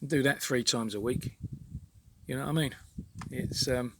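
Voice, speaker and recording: A man's voice: medium pitch, unhurried, background noise. A man venting in an exasperated, sweary rant monologue to his own channel, repeating himself as he talks. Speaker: vlogger.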